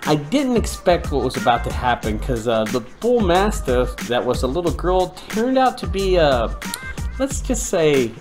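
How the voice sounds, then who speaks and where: Animated man narrating over music. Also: a little high, a little slow. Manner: animated, storytelling with laughs. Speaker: junk removal business owner. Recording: voice-over with loud background music.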